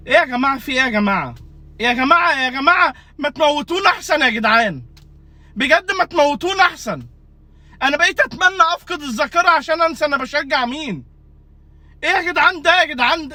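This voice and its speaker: A man with an Egyptian Arabic accent, delivering an exasperated comic rant and bursting into shouts. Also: very high-pitched. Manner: exasperated, ranting, repeats "guys". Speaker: football fan comedian.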